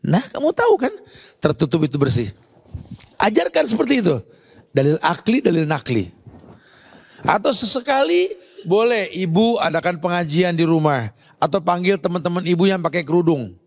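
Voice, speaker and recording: A man's voice: fairly high pitch, vocal fry, darkish tone, big-room sound. A man preaching a sermon to a congregation, talking to his listeners directly and acting out parents and children. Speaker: Islamic preacher.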